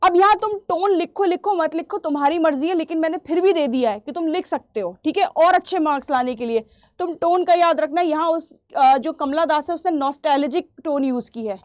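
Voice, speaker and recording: A woman teacher runs an exam revision lesson in a fairly high voice. She reads English lines slowly, then explains them and repeats the key points for her students. The sound is dry and close, with no room echo. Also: darkish tone. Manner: clears throat now and then.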